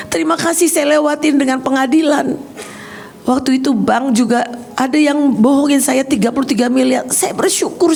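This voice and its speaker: A middle-aged woman shares her own story as a sermon, with a voice that sits a little high. She talks earnestly and conversationally, and her words carry emotion. Soft music plays faintly behind her. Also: vocal fry. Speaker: coach and speaker. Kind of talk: personal testimony sermon.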